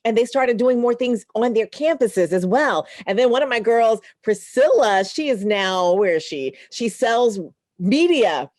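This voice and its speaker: A woman radio broadcaster, a guest, telling personal stories in an earnest, animated way and laughing easily. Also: a little high, a little slow, no echo, studio quality. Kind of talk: heartfelt conversational storytelling.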